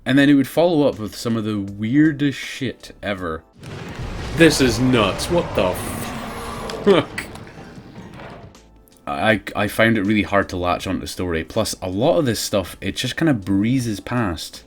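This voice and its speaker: A man's voice: fairly low pitch, expressive, normal speed, hardly any pauses, faint music behind. A man giving casual, sardonic, sweary comedic commentary as a video game reviewer.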